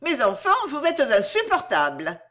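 A woman's voice: a little high, wildly swooping pitch, normal speed, a bit bright, voice pushed up. A woman voicing a scolding old grandmother. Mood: gentle scolding. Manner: scolding, exasperated. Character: elderly marquise grandmother, half kind half scolding.

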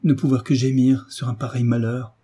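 A man's voice: mid-range voice, flat delivery, brisk, dark tone, slightly rough. A man reading the part of an ardent young man, eager and impatient.

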